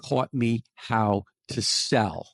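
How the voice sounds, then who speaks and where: Drawing out his words in a mid-range voice, a middle-aged New York-accented sales trainer talks as a podcast guest. It's a conversational interview where he coaches emphatically and repeats key phrases, captured in clean studio sound without echo.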